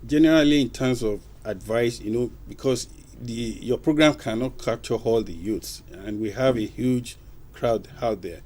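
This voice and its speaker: A man hosting a call-in TV talk show, brisk and quick to prompt. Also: mid-range voice, darkish tone.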